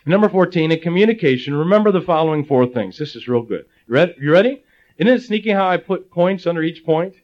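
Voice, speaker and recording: A man's voice: fairly high pitch, fast talker. A middle-aged male pastor from Ohio preaching a sermon, telling stories with jokey asides. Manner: animated storytelling, jokey asides. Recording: slightly dull lo-fi audio.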